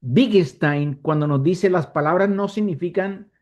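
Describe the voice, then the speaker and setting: Older costeño Colombian man, earnest and higher-pitched. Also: a little slow, a little mellow, highs cut off. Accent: coastal Colombian (costeño). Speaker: participant commenting from the audience. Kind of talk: spoken discussion remarks in an online forum. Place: remote online call.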